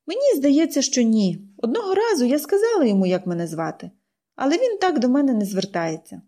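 A woman's voice: sits high, sing-song, a little fast, warm tone, pitched above the performer's own voice. A woman reading an audiobook, voicing an eager, pleading young girl. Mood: wistful. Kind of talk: audiobook character voice.

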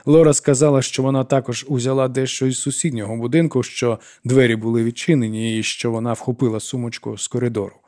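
Steady male audiobook narrator. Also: medium pitch, fast talker, hardly any pauses.

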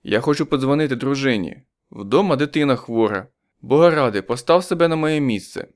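A man's voice: medium pitch, animated, a little fast, pitched above the performer's own voice, close to an everyday voice. A man reading an audiobook, voicing a desperate poor husband, tense and pleading.

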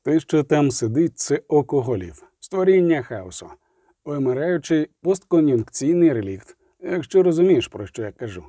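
A man voicing a calm, terse male monster hunter in an audiobook, speaking coolly and measured. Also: on the high side, no room sound, studio quality.

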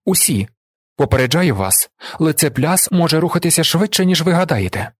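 A cunning male shapeshifter villain, as an audiobook reader puts him on, gloating and silky as he threatens. His voice sits a touch high and husky, close and dry, every bargain laced with menace. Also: sing-song, normal speed, dry recording. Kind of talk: audiobook character voice.

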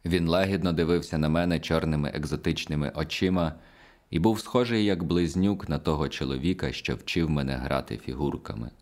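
A man narrating a literary novel as an audiobook in a measured, reflective reading. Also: very deep voice, darkish tone.

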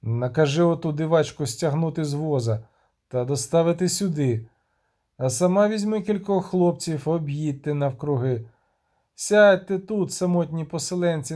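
A man's voice: on the high side, dark tone, close to an everyday voice. A man voicing a stern, authoritative male military commander who proclaims orders.

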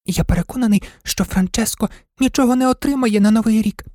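A man's voice: sits high, brisk, a little mellow, no echo, clean studio sound, voice pushed up, natural voice. A man voicing a shy little male rag toy dog in a storybook reading, speaking in a hesitant, raised voice. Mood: hopeful.

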